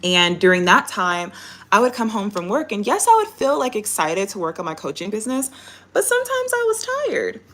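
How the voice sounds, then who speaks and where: A woman's voice: mid-range voice, very animated, brisk, a bit bright. A woman speaking as a life coach in a live online talk, instructive and encouraging, checking in with her listeners as she explains.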